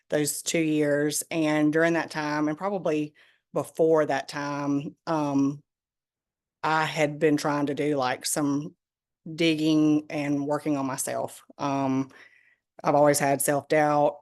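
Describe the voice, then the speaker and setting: Low-voiced woman with a Georgia drawl. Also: darkish tone. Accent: Southern US, Georgia drawl. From small town in northeast Georgia, USA. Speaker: guest, direct sales team member. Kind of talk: personal testimony on a group call.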